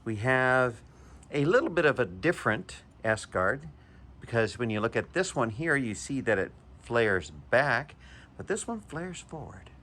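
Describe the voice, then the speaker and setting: A man's voice: medium pitch, very animated, measured pace, fairly bright tone, a little hiss or hum. A man and knife collector giving a chatty, enthusiastic show-and-tell review, with chuckles and hesitant restarts.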